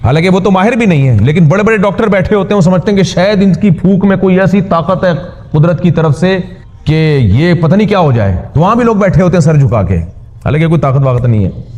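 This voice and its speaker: A man's voice: sits high, animated, fairly quick, a little mellow. A man, an Islamic preacher, giving a conversational sermon with a wry, sometimes mocking manner. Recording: dull lo-fi recording.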